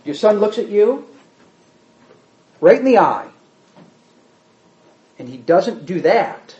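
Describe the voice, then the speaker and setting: A man's voice: high-pitched, slow pace. A man teaching a Bible class in conversational style, acting out quotes and asking the room questions. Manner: animated, acts out quotes, asks the room questions. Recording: roomy, dull lo-fi room recording.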